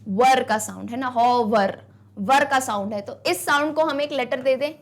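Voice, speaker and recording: A woman teacher, encouraging her students with rhetorical questions and mixing English phrases into the lesson. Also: high-pitched. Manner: mixes English into talk; reads poem lines slowly and deliberately. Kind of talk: online class lesson.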